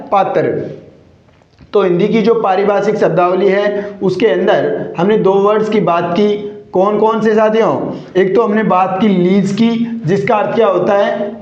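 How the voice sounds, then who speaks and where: A male teacher with a Hindi accent and a high, darkish voice gives a vocabulary lesson, posing rhetorical questions, answering them himself, and repeating each word while calling his listeners "companions." The recording is echoey, dull, and lo-fi, made in a room.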